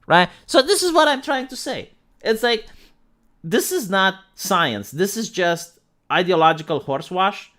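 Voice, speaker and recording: A live streamer from Moldova, a man whose first language is Romanian, gives casual reaction commentary in an animated, sarcastic manner. His voice sits high and unhurried, and he repeats words when starting to speak.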